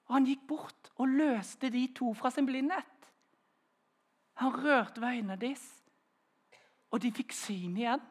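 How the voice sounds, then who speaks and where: A man preaching a sermon in a storytelling way, swinging between loud raised phrases and soft, hushed ones. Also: very high-pitched, pauses often.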